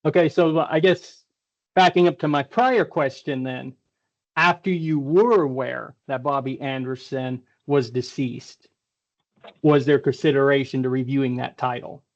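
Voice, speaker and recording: A man questioning a witness as technical examiner at a hearing, heard over a video call, careful and hesitant, with many pauses. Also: medium pitch, muffled recording.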